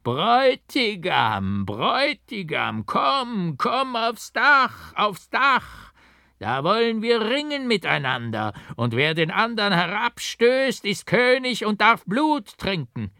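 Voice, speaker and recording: A shrill cackling monk double. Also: male voice, big pitch swings, takes it slowly, creaky, sharp tone, no room sound, studio quality, exaggerated voice. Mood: taunting. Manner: giggling, stammering, shrill. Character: cackling ghostly male monk double, mad and gloating.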